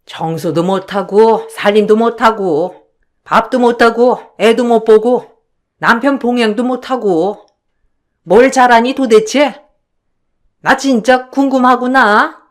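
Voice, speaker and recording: A woman's voice: fairly high pitch, takes it slowly. A woman voicing a domineering older mother-in-law who scolds and sneers in a bossy way. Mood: contemptuous scolding.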